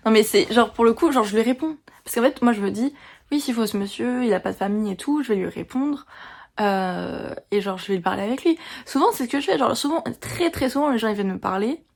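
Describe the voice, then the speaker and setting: A teenage girl from France telling a story in a chatty, animated vlog, venting about her day. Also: fairly high pitch. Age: teens. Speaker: vlogger.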